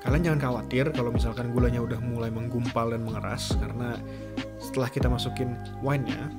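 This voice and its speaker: Male, 20s, relaxed home-kitchen cooking host, middle pitch, recorded over loud music. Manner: relaxed, chatty, drawn-out words. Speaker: cooking vlogger. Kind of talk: casual cooking tutorial.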